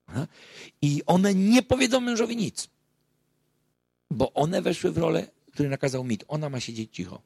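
Gravelly-voiced man lecturing earnestly. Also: mid-range voice, a little mellow, no echo. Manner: earnest storytelling, swelling into emphatic outbursts. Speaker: marriage counselor giving a public talk. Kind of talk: public lecture to an audience.

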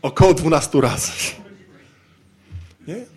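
A man's voice: a little high, animated, unhurried, creaky, a little mellow. A man giving an informal, humorous talk to an audience of men, chatty and constantly adding little tag questions as he acts out everyday scenes. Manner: conversational, peppers sentences with tag questions. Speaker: speaker addressing men about marriage.

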